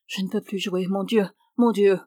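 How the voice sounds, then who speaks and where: A woman plays a broken old man who once lived by his violin, in a storybook reading. He pleads softly and sorrowfully, his voice at a middling pitch. The sound is dry and close. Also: fairly even intonation, moderate pace, no echo, close to an everyday voice. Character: poor old male street violinist, weary.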